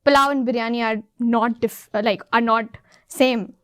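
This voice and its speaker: Young Indian woman panelist, high voice, assertive, dry close sound. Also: fairly even intonation, fairly bright tone, smooth, dry recording. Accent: Indian English. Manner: assertive, quick to argue back. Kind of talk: student panel discussion.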